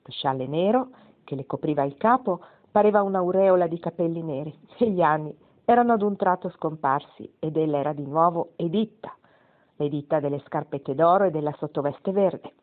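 A woman narrates a novel in a measured, even way. Her voice sits on the low side. The recording is thin and tinny, like a phone line. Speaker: audiobook reader. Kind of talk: reading a novel aloud.

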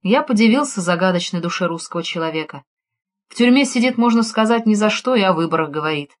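A woman narrates a first-person crime novel in a measured, even storytelling voice. Her pitch sits right in the middle of the usual range. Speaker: audiobook reader. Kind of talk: scripted narration.

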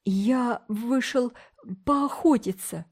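A woman's voice: extremely slow, darkish tone, exaggerated voice. A woman voicing a frightened teenage boy who pleads and protests in a raised, breathless voice. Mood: pleading. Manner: breathless, high pleading cries.

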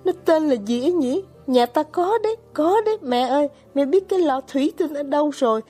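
A woman's voice: high voice, expressive, a little fast, soft background music, voice pushed up. A woman voicing a capricious young girl who gives urgent, commanding, pleading orders in an audiobook reading. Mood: fussing eager. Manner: urgent, bossy, near-shouting pleas. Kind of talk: audiobook character voice.

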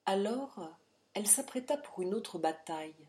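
A woman narrating a novel aloud in a measured, dramatic reading. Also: medium pitch, lively intonation, warm tone. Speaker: audiobook narrator.

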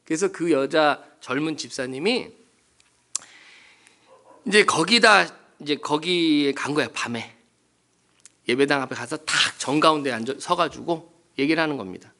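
Casting: male pastor, church sermon, high and bright, animated storytelling with questions to the congregation. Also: moderate pace, pauses often. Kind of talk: sermon at a Wednesday prayer meeting.

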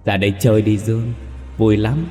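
A man's voice: on the low side, steady tone, moderate pace, mellow, in a large hall, faint music behind, lightly acted. A man voicing a ghostly boy's voice that lures someone outside with sing-song calls. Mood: luring.

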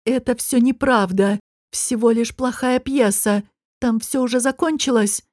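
A woman's voice: on the high side, measured pace, a little mellow, dry recording, clean studio sound, natural voice. A woman voicing a proud northern queen in desperation, urgent and commanding. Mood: dazed pleading.

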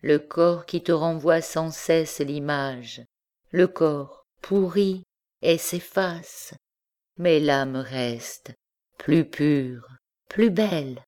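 A woman reading the lines of a devoted young wife who speaks softly and coaxingly to her husband, at a slow pace. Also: low-pitched. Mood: tender. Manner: tender, soft and coaxing.

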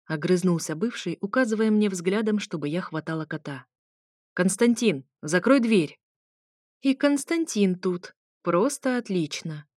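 A woman's voice: medium pitch, dry recording. Woman reading an audiobook, dry sound. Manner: lively expressive reading. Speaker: audiobook narrator. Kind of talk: first-person audiobook narration.

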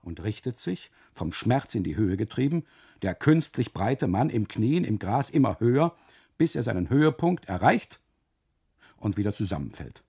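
A man reading a first-person literary monologue for radio, with a detached, brooding delivery. His voice sits low and gravelly, with a husky edge, and moves through a lively range of pitch. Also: normal speed. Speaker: narrator.

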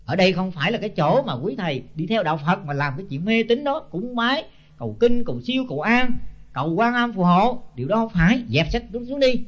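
A man's voice: high-pitched, sing-song, a little fast. An older man, a senior Buddhist monk giving a blunt, scolding sermon full of rhetorical questions. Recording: dull lo-fi tape.

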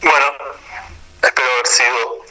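A man's voice: medium pitch, fairly even intonation, moderate pace, sharp tone, poor audio. A man calling in by phone to a radio show, explaining at length with frequent restarts. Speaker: guest on the phone, social movement spokesman. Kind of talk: phone interview. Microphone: telephone.

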